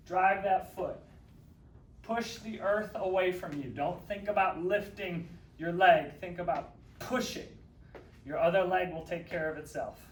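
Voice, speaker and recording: A man with a fairly high voice coaches a workout, joking and counting reps as he moves, a little out of breath. He sounds set back from the mic in an echoey, empty room with a faint hum of ambience. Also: recorded from a distance. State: a little out of breath while exercising. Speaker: fitness instructor. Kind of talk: guided workout instruction.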